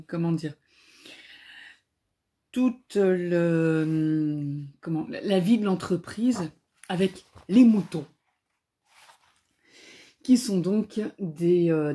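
Brief: female comic reviewer, low-ish mellow voice, unhurried, hesitant delivery with lots of pauses. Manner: hesitant, searching for words. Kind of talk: casual spoken book review.

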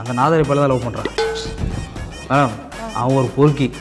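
A man's voice: medium pitch, normal speed, soft background music, close to an everyday voice. A man playing an impatient schoolteacher who scolds students and lectures a parent in a comedy sketch. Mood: stern. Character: stern scolding male schoolteacher. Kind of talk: Tamil comedy sketch acting.

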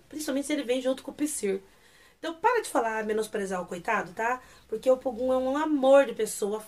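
A young Brazilian woman with a Brazilian Portuguese accent animatedly recaps a series episode and gushes over it in casual chat as a series reviewer. Her voice sits high with a darkish tone.

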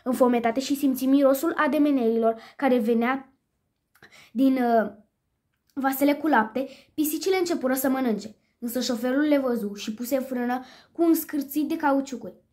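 A woman reading a children's story aloud in a lively way, with a few small slips. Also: high voice.

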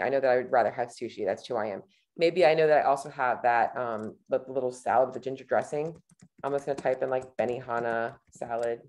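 A woman's voice: a bass voice, darkish tone. A woman in her thirties, a nutrition coach, talking casually and thinking aloud as she clicks through a screen-share tutorial over a webcam.

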